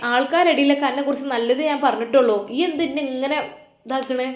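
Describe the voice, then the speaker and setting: A fussing middle-aged mother coaxes and scolds in a raised, quick voice, as a woman puts her on. She speaks with a Malappuram Malayalam accent. The room adds a clear echo. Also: sits high, steady tone, lightly acted. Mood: coaxing, scolding. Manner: coaxing, scolding. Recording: roomy echo.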